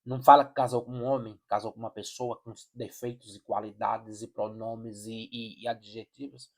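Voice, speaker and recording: A man's voice: lowish voice, flat delivery, normal speed. A man hosting a reaction video, making sarcastic asides and reading articles aloud. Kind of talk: reaction commentary.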